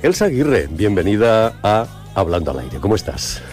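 Man, radio host, very low voice, music faint behind. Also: very animated, moderate pace, darkish tone. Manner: reads a scripted introduction, then chats with filler words. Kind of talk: radio interview.

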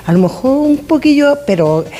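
A woman's voice: high voice, sing-song, moderate pace, mellow. Chatty woman from the studio audience. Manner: hesitant, chatty, many fillers. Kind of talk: casual chat on a radio show.

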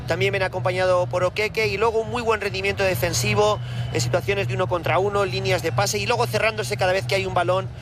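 A man's voice: high voice, fairly even intonation, fast. A man giving tactical basketball analysis live on the radio in long, flowing sentences. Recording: clear venue noise behind.

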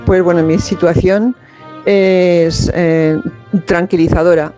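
A woman's voice: on the low side, fairly even intonation, slow, over music. A woman, calling a radio show in a frank, colloquial way. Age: 70s. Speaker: radio caller.

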